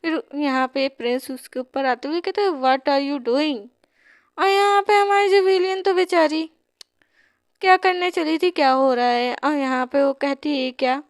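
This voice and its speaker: Woman, Hindi accent, high voice, chatty comic retelling, lots of fillers, dry close sound. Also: normal speed, no room sound. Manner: chatty, many fillers and restarts. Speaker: comic explainer. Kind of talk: casual storytelling narration.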